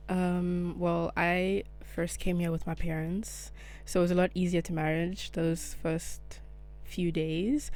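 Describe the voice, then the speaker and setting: A young woman from South Africa, a first-year law student, chatting relaxed on a podcast and laughing easily. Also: lowish voice, slow pace. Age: young adult. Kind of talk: casual podcast chat.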